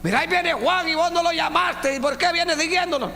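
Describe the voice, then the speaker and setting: A man voicing an excited male disciple who calls out urgently and complains. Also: extremely high pitch, fairly quick, gravelly, pitched above the performer's own voice, exaggerated voice. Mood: agitated. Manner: urgent, shouted calling out. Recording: church hall reverb with faint hum.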